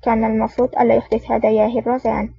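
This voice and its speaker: A woman reading the lines of a calm, mocking male secret agent in an audiobook. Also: a little high, rapid-fire, creaky, husky, dry recording. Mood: sardonic. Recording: dull lo-fi audio.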